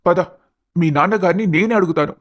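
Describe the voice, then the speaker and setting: A lovesick young cartoon guy, earnest and pleading, pretty high voice. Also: fairly quick. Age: young adult.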